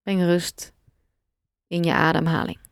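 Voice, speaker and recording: A woman guides a meditation in a somewhat low voice. She speaks gently and calmly, leaving long pauses between short phrases. The recording is dry and close, with very little room sound. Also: smooth, dry recording.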